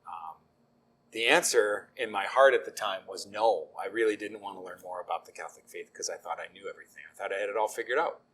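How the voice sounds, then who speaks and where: The audio is poor, carrying a lowish, slightly bright and rough male voice at a quick pace. It's a middle-aged deacon, a guest, offering a casual faith testimony with frequent ums and a self-deprecating ease.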